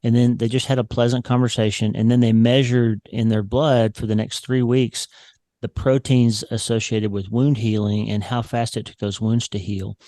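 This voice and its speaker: A neurosurgeon guest on a video-call interview explains research studies at length from his home office, speaking into a large studio mic on a boom arm. His voice is medium-pitched and warm, with a level tone, normal speed, and no echo.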